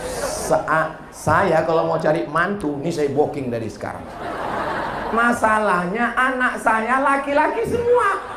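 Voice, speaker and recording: A male preacher giving a humorous religious lecture, telling stories and acting out dialogue with playful jumps in voice. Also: a little high. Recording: echoey hall, faint noise.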